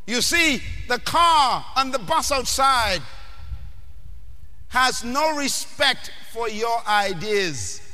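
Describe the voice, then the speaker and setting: A man preaches a sermon with a very high voice, pressing his listeners with questions and breaking into shouts. He speaks slowly and sounds very bright. The voice rings out with the long reverb of a large hall. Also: animated. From Bahamas. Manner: emphatic, questioning the audience, often shouting.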